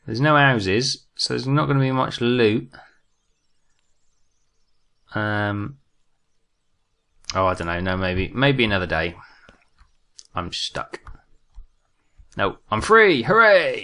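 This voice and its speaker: A young man chats his way through a survival game, joking with viewers as he goes. His voice sits low with a gravelly, crackly edge, yet it stays bright and forceful. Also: slow, pauses often. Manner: chatty, jokey, talks to viewers while playing. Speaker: gaming let's-play host. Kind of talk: casual gameplay commentary.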